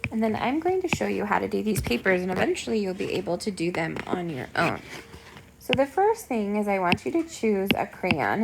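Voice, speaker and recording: A woman teacher guiding young children step by step through a lesson in simple, encouraging words, like a kids' show host. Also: mid-range voice. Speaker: elementary school teacher. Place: at home. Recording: clear background noise with clicks.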